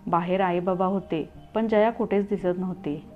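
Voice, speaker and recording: A woman narrating a scripted first-person story as a storyteller, in an earnest, steady way. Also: fairly low pitch, normal speed. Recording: tinny phone-like audio, faint music.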